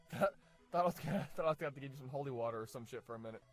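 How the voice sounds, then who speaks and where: A man's voice: mid-range voice, rapid-fire, faint music behind. A man reacting in casual chat, laughing a lot and swearing freely.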